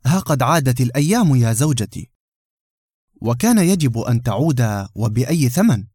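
A man's voice: mid-range voice, big pitch swings, normal speed, a little mellow, breathy edge, no echo, studio quality. Man voicing an anxious middle-aged barber. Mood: tense.

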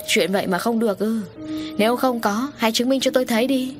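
A woman's voice: mid-range voice, moderate pace, faint music behind, lightly acted. A woman voicing a jealous, vicious middle-aged wife who accuses and sneers. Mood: jealous accusing.

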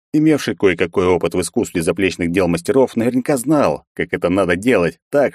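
A man reading an audiobook in a steady, even storytelling manner on a close studio mic. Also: sits low, dry recording. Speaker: audiobook narrator. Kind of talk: scripted narration.

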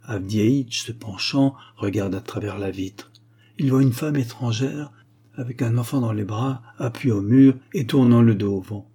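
A man narrating a classic story in a calm, measured way. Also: medium pitch, husky. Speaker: audiobook narrator.

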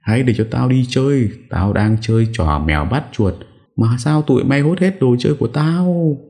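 A man's voice: mid-range voice, expressive, moderate pace, vocal fry, warm tone, pitched above the performer's own voice. A man voicing a crazed, fearful grandmother in her old age, speaking in a frantic, rambling, childish way.

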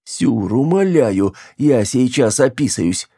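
A man's voice: lowish voice, normal speed, dark tone, slightly rough. A man reading an audiobook, voicing a panicked young woman stuck in a man's body, tearful, pleading and close to hysteria. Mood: panicky pleading.

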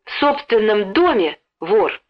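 A woman's voice: mid-range voice, very animated, unhurried. A woman voicing an emotional, genteel mother in a storybook, speaking in trembling exclamations. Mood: outraged. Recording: dull lo-fi recording.

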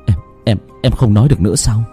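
A man's voice: on the low side, fast, warm tone, breathy edge, soft background music. A man voicing a protective young husband with a voice that surges when he is pressed, in a spoken ghost story. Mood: tender, worried.

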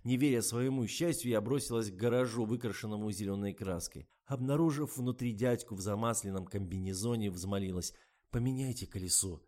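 A man narrating an audiobook in the first person with even, measured reading. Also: on the low side.

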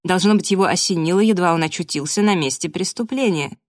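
Measured woman narrating an audiobook. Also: fairly low pitch, dry recording, clean studio sound. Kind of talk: first-person audiobook narration.

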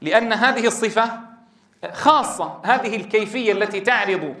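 A man's voice: high voice, animated, moderate pace, sharp tone. A man gives a classroom lecture on Quran recitation rules. He is emphatic, repeats his key points and addresses his listeners as brothers. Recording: echoey room.

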